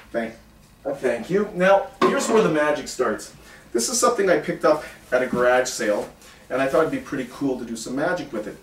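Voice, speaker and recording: A middle-aged man performing as a theatrical stage magician, bantering playfully and giving instructions to his audience. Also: medium pitch. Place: indoor room with small stage setup. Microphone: far camera. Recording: roomy, distant camera mic with background noise.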